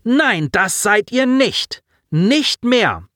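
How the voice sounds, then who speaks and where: A male narrator voicing an outraged young woman in a sci-fi audiobook, shouting and scolding. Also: fairly high pitch, sing-song, very slow, dry recording, studio quality, pitched above the performer's own voice, heavily acted. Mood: furious. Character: furious young woman protecting her friend.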